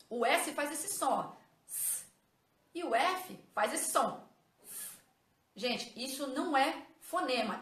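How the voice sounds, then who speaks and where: A woman's voice: high voice, fairly bright tone. A woman, a teacher explaining a lesson patiently to viewers and checking in with them as she goes. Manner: patient, addresses viewers as "gente", checks with "ok?" and "tá vendo?". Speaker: teacher and educational psychologist. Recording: echoey room.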